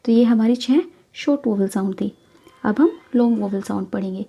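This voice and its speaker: A young woman teaching English phonics in a slow, careful way, repeating each example word. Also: medium pitch, dark tone, slightly rough, highs cut off. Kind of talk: phonics lesson in Hindi-English mix.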